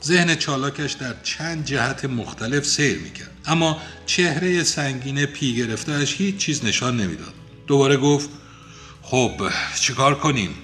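Guy reading a novel aloud, even and deliberate, bright tone, faint music under it. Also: mid-range voice. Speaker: host and reader.

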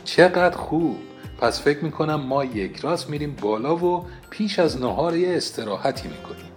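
A man reading as a gentle, soothing mother. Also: on the high side, lively intonation, soft background music, close to an everyday voice. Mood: sweetly polite. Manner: soft, soothing.

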